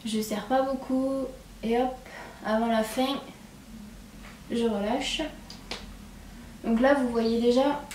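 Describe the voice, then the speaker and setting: A young woman with a regional French accent, casually talking through a hairstyling tutorial at home, filling pauses with "hop" and "voilà". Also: on the high side, far from the mic. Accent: regional French accent with a marked "hein". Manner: chatty, relaxed, lots of "hop" and "voilà" while working. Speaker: hair tutorial presenter. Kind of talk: casual how-to demonstration. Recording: echoey room, speaker away from the mic, faint background noise.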